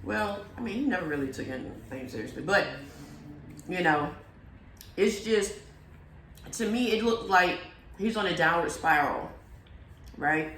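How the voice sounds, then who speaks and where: A woman's voice: fairly low pitch, animated, unhurried, pauses often, fairly bright tone, a little hiss or hum. A woman co-hosting a casual TV recap chat, easygoing and opinionated, trailing off into fillers. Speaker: co-host. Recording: echoey room.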